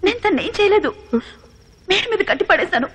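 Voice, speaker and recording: A woman's voice: very high voice, very animated, fast talker, a bit bright, full character voice. An actress playing an obsessive, unstable young woman in dubbed film dialogue, taunting and clingy. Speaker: film character. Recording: film score underneath.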